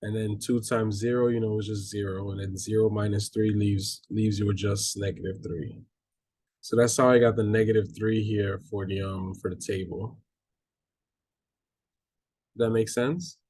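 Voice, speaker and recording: A man's voice: fairly low pitch, fairly even intonation, normal speed, darkish tone, slightly rough. A man teaching a math class, reading steps aloud with restarts and often checking in with his students. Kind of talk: online class lecture.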